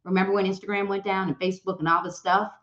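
A woman giving social media advice to an audience, talking in a direct, teasing and animated way. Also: medium pitch, racing. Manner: animated, direct, teasing, acts out quoted voices. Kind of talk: motivational talk to an audience. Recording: roomy, slightly dull sound.

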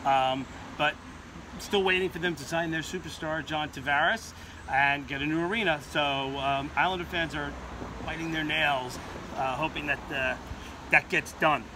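A man's voice: a little high, normal speed. A middle-aged man, a school principal, chatting outdoors in an interview, with frequent hesitant fillers. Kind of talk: casual interview chat. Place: outdoor parking lot. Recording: outdoor traffic noise. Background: traffic and outdoor ambience.

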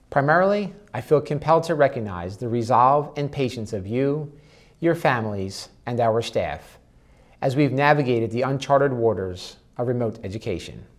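A man, a school principal, giving formal farewell remarks at a graduation ceremony. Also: medium pitch. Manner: formal, measured. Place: indoors at a podium.

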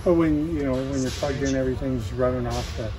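A man's voice: mid-range voice, brisk, a crowd in the background. A middle-aged man casually walking through a new camper van's features step by step, recorded on a phone in a big factory bay. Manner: plainspoken, explains step by step. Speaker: factory walkthrough guide. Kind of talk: casual demonstration. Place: large indoor factory bay.

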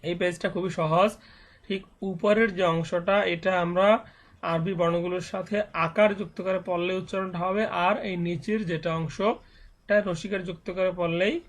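A man teaching Quran reading in a step-by-step tutorial, patiently explaining and slowly reciting each letter sound. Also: sits high, steady tone.

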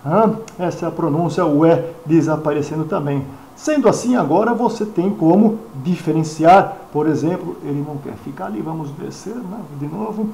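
Man, Brazilian Portuguese accent, chatty pronunciation teacher, fairly high voice, echoey room. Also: moderate pace, creaky, mellow, slight background noise. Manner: chatty, with rhetorical questions and repeated examples. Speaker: English teacher. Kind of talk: screen-recorded pronunciation lesson.

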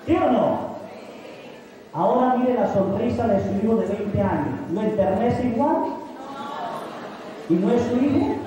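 A man's voice: high voice, unhurried, pauses often, crowd noise. A middle-aged man, a priest, preaching a sermon. He asks the congregation questions and answers them himself. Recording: echoey hall recorded from far off.

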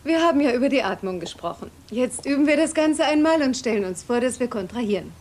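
A woman dubbing a calm birthing class instructor in a soap opera, speaking slowly and instructively. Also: sits high, slight background noise. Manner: slow and instructive. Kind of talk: German TV soap dub.

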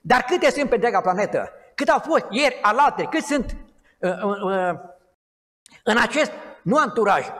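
A middle-aged man giving an informal, rambling sermon in a small church, with halting restarts. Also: sits high, fairly bright tone. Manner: conversational and digressive, with halting restarts. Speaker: lay preacher. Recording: long hall reverb.

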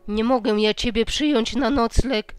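A woman voicing a wary old witch sister who talks in loud, sharp exclamations, in a clear storybook reading. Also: fairly high pitch, fairly even intonation, moderate pace, no room sound, soft background music, natural voice. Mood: warning.

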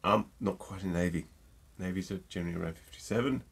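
Low-sitting, fast and fry-tinged, the voice comes with slight background noise. A middle-aged gin reviewer with a stuffy nose from a cold, he jokes casually to camera while tasting, using many ums. He's at home near a desk mic, surrounded by shelved bottles.

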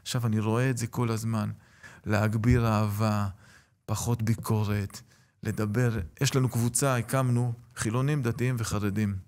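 A middle-aged man, a rabbi and lecturer, telling stories in an interview and acting out the people in them. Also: lowish voice. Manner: animated storyteller, acts out quoted voices. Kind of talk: storytelling in an interview.

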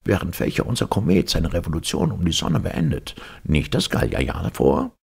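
A man with a gravelly, husky voice voicing a strict, pedantic male professor who lectures in a dry tone. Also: sits low, very animated, normal speed, darkish tone, full character voice.

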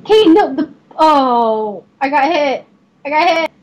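A young woman with a Southern accent, chatting and giggling in a rambling, excitable way while live-streaming a game. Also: high-pitched, takes it slowly. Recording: slightly dull, faint noise.

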